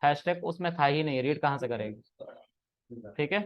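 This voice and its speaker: A man's voice: fairly high pitch, animated, a little slow. A man teaching programming in a casual classroom way, explaining step by step and checking that students follow. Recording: dull lo-fi recording.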